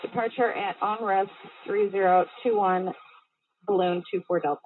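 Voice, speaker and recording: This balloon pilot is a woman with a medium-pitched voice and fairly even intonation, speaking at a moderate pace. She makes clipped, procedural aviation radio calls, heard as dry, tinny, phone-like band-limited audio.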